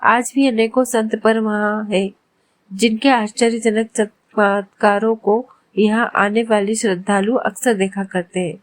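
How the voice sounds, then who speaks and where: A woman calmly and reverently narrating a devotional religious story. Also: mid-range voice, measured pace, no room sound.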